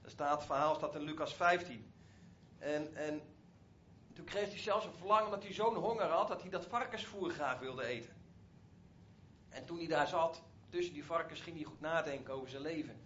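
A man's voice: on the high side, normal speed, fairly bright tone, muffled recording, a little hiss or hum. A man retelling a Bible story as a preacher, in a conversational way with frequent asides to his listeners.

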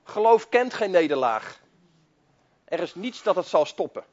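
Very animated yet unhurried, a man preaches in a high voice, pressing his points through fervent repetition and rising emphasis. The audio is dull and lo-fi, much like an old sermon tape.

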